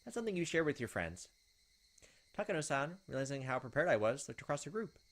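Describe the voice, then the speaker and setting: Here a male gaming video host speaks at a quick pace in a fairly high, sing-song voice. During the game playthrough he switches between casual chatter and reading story text aloud.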